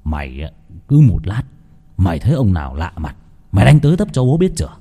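A man's voice: deep voice, wildly swooping pitch, fast talker, dark tone, breathy edge, long reverb tail, pitched below the performer's own voice, full character voice. A man voicing a hot-tempered middle-aged village father who curses and barks orders. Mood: bossy. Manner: coarse, cursing, bossy.

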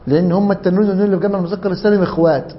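Egyptian male grammar teacher, brisk and animated, higher voice, dull lo-fi recording. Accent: Egyptian Arabic. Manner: animated, jokey, asks the class questions. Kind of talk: lively classroom grammar lesson.

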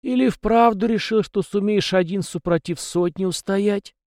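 A man reading an audiobook, voicing a stern, gruff old male elder who speaks sharply. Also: high voice, moderate pace, darkish tone, no room sound, clean studio sound, voice pushed up.

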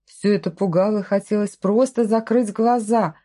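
Mellow woman reading an audiobook. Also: medium pitch, steady tone, moderate pace. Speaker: audiobook narrator. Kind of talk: first-person audiobook narration.

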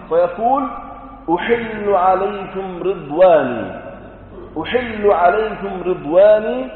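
A male preacher delivers a sermon in a high voice. He explains points in colloquial asides and asks rhetorical questions. The sound is thin and phone-like, with long reverb from a large hall. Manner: chants Quran verses slowly. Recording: echoey hall over a tinny lo-fi line.

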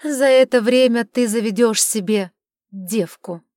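A woman voicing a sharp-tongued, sarcastic witch in an audiobook, scolding and mocking. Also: on the high side, a little slow, no echo, studio quality, natural voice. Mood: earnest, reproachful. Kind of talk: audiobook character reading.

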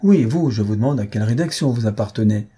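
Brief: male narrator doing a curt, distrustful magistrate, husky and mellow, clipped questioning. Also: on the low side, animated, fast talker. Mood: stern. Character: stern middle-aged male investigating judge. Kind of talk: audiobook character reading.

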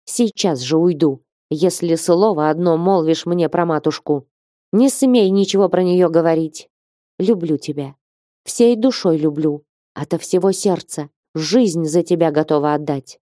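A woman reading an audiobook and voicing a lively, teasing young woman in love, who coaxes tenderly and can turn fierce. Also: lowish voice, a little slow, no room sound, clean studio sound, close to an everyday voice. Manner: coaxing and affectionate, then fierce.

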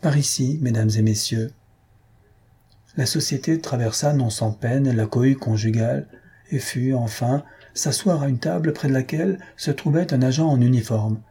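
A man reading a comic novel aloud as an audiobook narrator, in a steady, measured storytelling manner with a husky voice. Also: mid-range voice.

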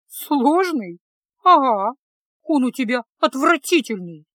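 A woman's voice: high-pitched, expressive, moderate pace, no echo, clean studio sound. A woman reading a storybook, voicing a naive, hot-tempered young village girl who speaks up indignantly. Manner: pleading, indignant, raised voice.

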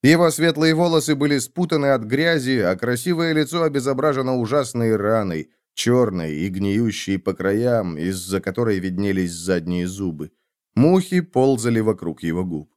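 A man's voice: medium pitch, animated, normal speed, dry recording, clean studio sound. Man narrating an audiobook. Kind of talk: scripted narration.

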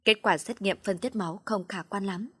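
A woman voicing a calm, careful male doctor who speaks in measured words, in a storybook reading. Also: medium pitch, slightly rough, no room sound, studio quality, close to an everyday voice. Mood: grave.

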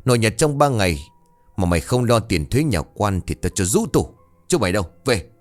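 A man's voice: on the low side, big pitch swings, a little fast, faint music behind. A man voicing an arrogant, cruel older village chief in a storybook ghost tale, barking orders and threats. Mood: menacing.

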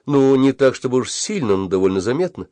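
A man narrating a first-person story at a measured pace. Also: mid-range voice, animated, dark tone, dry recording. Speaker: audiobook reader.

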